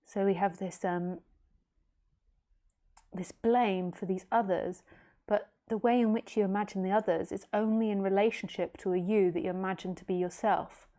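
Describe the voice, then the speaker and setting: A woman's voice: mid-range voice, fairly even intonation, normal speed, mellow. A woman in her late thirties, a spiritual teacher giving a casual philosophical talk in a rambling, easygoing way with jokey asides. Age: late 30s.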